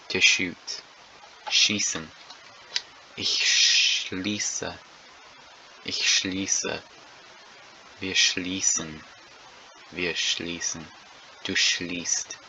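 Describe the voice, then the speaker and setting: A man teaching a lesson, drilling verb conjugations word by word and repeating each one deliberately, with an occasional slip. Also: low voice, bright, forceful tone, a little hiss or hum, rough recording. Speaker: language teacher.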